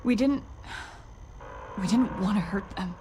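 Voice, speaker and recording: A woman voicing a shaken, pleading security officer in a video game, halting and distressed. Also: mid-range voice, noisy background, close to an everyday voice.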